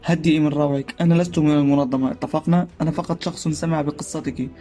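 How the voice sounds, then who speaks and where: A man reading a story aloud while voicing a calm stranger who reassures over the phone. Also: a little high, fast talker, faint music behind, close to an everyday voice.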